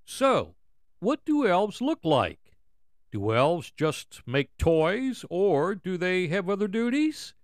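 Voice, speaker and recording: A man's voice: on the high side, no room sound, studio quality. An older man, delivering a scripted monologue as a radio show host.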